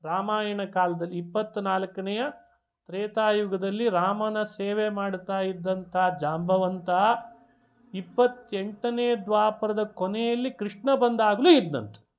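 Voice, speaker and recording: A man giving a devotional discourse as a lively storyteller, chanting old verses slowly between his explanations. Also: high-pitched. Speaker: religious discourse speaker. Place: discourse hall. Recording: tinny phone-like sound.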